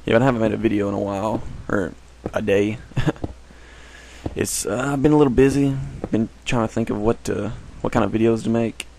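Gravelly-voiced man rambling over gameplay. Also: on the low side, fairly even intonation, a little fast, a little mellow, slight background noise, poor audio. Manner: rambling, self-correcting. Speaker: gameplay commentator. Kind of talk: casual gameplay commentary.

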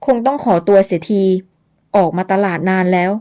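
A woman's voice: medium pitch, expressive, warm tone, natural voice. A woman voicing an earnest young herbal doctor. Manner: earnest, measured pleading.

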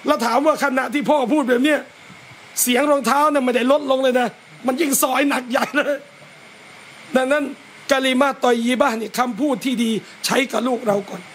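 A man, a religious teacher, gives a lively lecture at a home gathering, talking straight to his listeners. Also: extremely high pitch, fairly quick, a little hiss or hum. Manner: lively, talks straight to listeners and acts out scolding parents.

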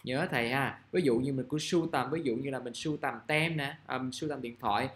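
A man's voice: medium pitch, fairly quick, a bit bright. A male English teacher, explaining a vocabulary lesson patiently and repeating key words while checking in with his students.

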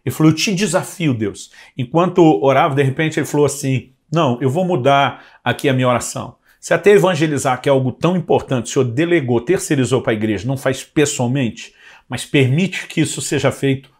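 A man's voice: mid-range voice, fairly quick, breathy edge. A Brazilian man, a pastor, preaching in a conversational storytelling way, often adding "né" and acting out the dialogue of the people in his story. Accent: Brazilian Portuguese. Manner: conversational, frequent tag question "né", acts out dialogue. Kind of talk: sermon storytelling.

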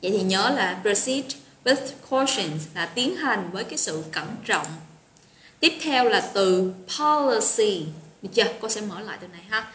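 A woman's voice: medium pitch, lively intonation, normal speed, fairly bright tone. A woman teaching an English vocabulary lesson online, chatty and encouraging, greeting students by name. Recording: roomy echo with faint noise.

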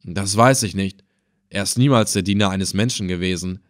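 A man voicing an excitable, talkative old male helmsman in an audiobook, pleading and crying out. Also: low-pitched, normal speed, no echo, clean studio sound, pitched below the performer's own voice, close to an everyday voice. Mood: defensive. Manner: pleading and wailing. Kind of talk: audiobook character voice.

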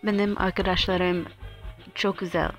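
A young American woman, a native English speaker, gives a casual vlog introduction in the halting, broken Turkish of a foreign learner. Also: fairly low pitch, level tone, dull audio. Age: young adult. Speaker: student vlogger. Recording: loud music under the voice.

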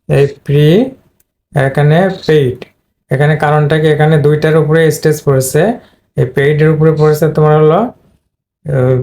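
Male pronunciation tutor, flat delivery, mellow tone, drills words repeatedly. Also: a little high. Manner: repetitive, drills words over and over. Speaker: English pronunciation teacher. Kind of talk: online lesson explaining word stress.

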